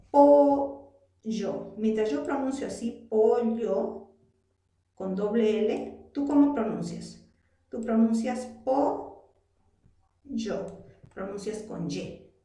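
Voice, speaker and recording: Peruvian lady teacher, slow and mellow, quizzing her students, super echoey room. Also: on the high side. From Arequipa, Peru. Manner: explains patiently, asks the students rhetorical questions. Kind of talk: classroom lesson. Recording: very echoey room, voice far from mic.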